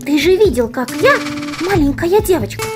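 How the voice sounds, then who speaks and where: A woman's voice: extremely high pitch, big pitch swings, normal speed, over music, pitched above the performer's own voice. A woman voicing a plucky, boastful little girl fighter in a children's storybook, proud and emphatic. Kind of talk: storybook character reading.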